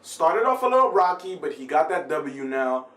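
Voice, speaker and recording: A man's voice: fairly high pitch, very animated, moderate pace, fairly bright tone, reverberant, far from the mic. A man talking through football news in a casual, rambling vlog, often correcting himself as he goes. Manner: chatty, rambling, self-correcting. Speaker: football vlogger. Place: filmed at home in the US.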